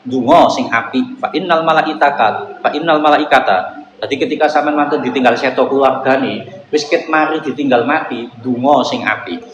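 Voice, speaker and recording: Echoey man teaching kitab. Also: mid-range voice. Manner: slow, measured glossing in Javanese, repeating each phrase, then plain explanation. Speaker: Islamic boarding school teacher. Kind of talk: traditional kitab recitation lesson, Arabic text glossed word by word. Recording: echoey hall with background noise.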